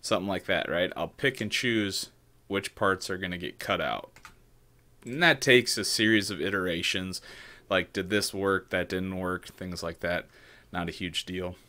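Low, bright-toned man walking through a tutorial. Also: moderate pace. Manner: loose, thinking aloud with frequent "right?" and restarts. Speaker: maker demonstrating 3D modeling. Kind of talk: casual screen-share tutorial. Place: small room at home, indoors.

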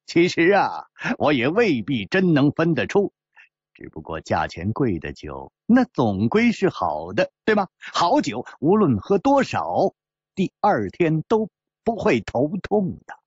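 A man voicing a brash, devil-may-care young male swordsman who gambles and laughs loudly, as a storyteller acting out dialogue. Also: fairly high pitch, huge pitch swings, unhurried, slightly rough, no echo, highs cut off, exaggerated voice. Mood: cocky, reckless.

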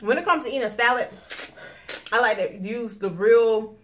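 High-voiced woman chatting on a mukbang. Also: normal speed. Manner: chatty, complaining, addresses viewers as y'all. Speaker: mukbang host. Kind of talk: casual mukbang chat. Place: dining table in a home living room. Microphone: camera across the table. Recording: noisy home room recording.

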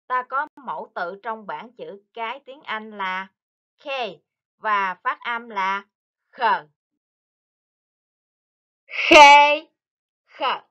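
A woman teaching English to young children, speaking slowly and carefully and repeating each word for them to copy. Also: mid-range voice, sharp tone, lo-fi sound. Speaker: primary school English teacher. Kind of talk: online lesson for young children.

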